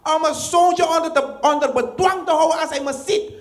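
A man with a Surinamese Dutch accent performing a stand-up comedy set, telling stories animatedly and acting out scenes with loud exclamations. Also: extremely high pitch, moderate pace.

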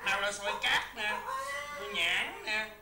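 A woman's voice: medium pitch, lively intonation, a little slow, close to an everyday voice. A woman playing an exasperated husband and father of many children who bickers with his wife in a comedy sketch. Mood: bickering. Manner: exasperated, sighing "trời ơi" complaints. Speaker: comic actor. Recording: echoey room with noise.

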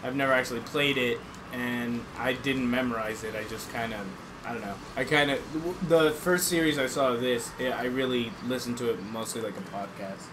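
A man's voice: medium pitch, steady tone, a little fast, background noise. A young man chatting casually on a let's play, joking around with his co-host. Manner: joking, puts on silly voices. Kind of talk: casual gaming chat.

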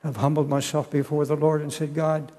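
An older man preaching an earnest, pleading sermon, often halting and repeating his words. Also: on the high side, little pitch movement, dark tone. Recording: long echo of a large hall.

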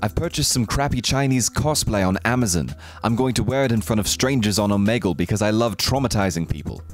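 A man's voice: fairly quick, soft background music. A young man with a fake British accent doing a sarcastic comedic parody monologue as a YouTuber. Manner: mock-enthusiastic, sarcastic, jumps to shrill outbursts.

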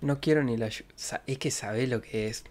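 A young man with an Argentine accent comments on a reality show in casual, excitable reaction talk. His voice sits at an ordinary middle pitch. He is crude and quick to mimic other people, breaking into high squeals. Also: faint music behind. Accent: Argentine Spanish.

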